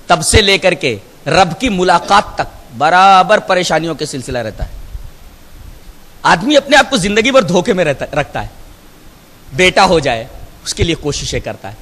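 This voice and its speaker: Male scholar preaching Quran commentary, high lively voice, emphatic, rhetorical questions, chanted verses, long hall reverb. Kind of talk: sermon-style Quran commentary.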